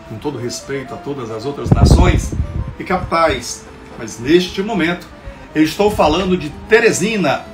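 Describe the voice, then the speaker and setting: Ceremonious male host, high voice. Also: poor audio. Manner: ceremonious, flowery phrasing. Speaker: host, professor. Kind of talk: formal live-stream interview. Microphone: video call.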